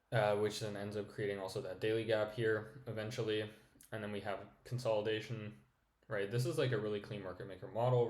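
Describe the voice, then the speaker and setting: A man's voice: fairly low pitch, darkish tone. A man hosting a casual trading recap, rambling with lots of fillers and "right?", sounding tired. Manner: rambling, filler-heavy, says "right?" often. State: tired, yawning. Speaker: trading channel host. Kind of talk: casual screen-share market recap. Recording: echoey room with faint noise.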